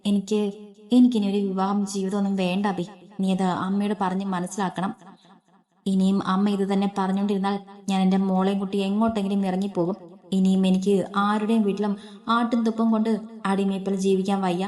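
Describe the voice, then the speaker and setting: A heartbroken young mother pleads through tears, her phrases halting and broken, as a woman narrator puts her on. The voice sits at an ordinary middle pitch. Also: flat delivery, darkish tone, lightly acted. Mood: tearful pleading.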